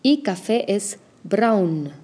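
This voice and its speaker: A woman teaching an audio language lesson, explaining pronunciation slowly and carefully. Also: medium pitch, expressive, dark tone, husky.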